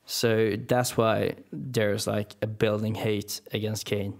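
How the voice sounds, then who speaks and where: A man's voice: fairly low pitch, flat delivery, slow, vocal fry. A young man, chatting casually and rambling with many restarts and fillers. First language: Norwegian. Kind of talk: casual chat.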